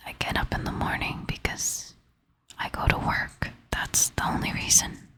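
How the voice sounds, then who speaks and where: A tired-sounding woman ASMR creator whispers softly and slowly to the listener in a relaxed, intimate chat, now and then slipping into a soft half whisper, with gentle laughs along the way.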